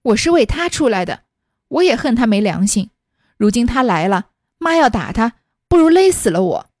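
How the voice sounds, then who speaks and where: A woman's voice: fairly high pitch, sing-song, normal speed, no echo, studio quality. A woman voicing a defiant young maid who speaks with passion and fierce resolve. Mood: impassioned. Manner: impassioned, resolute.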